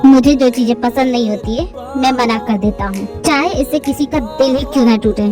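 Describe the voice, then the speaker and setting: A woman's voice: a little high, fairly quick, over music, pitched below the performer's own voice, natural voice. A woman doing a cold, blunt young husband. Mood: stern. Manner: firm, curt. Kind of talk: fan audio drama, voicing all roles.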